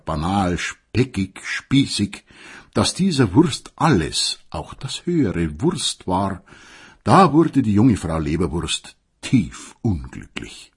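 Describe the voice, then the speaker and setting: A man's voice: on the low side, slightly rough. A man reading a humorous tale in an ironic, dramatic way. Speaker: storyteller.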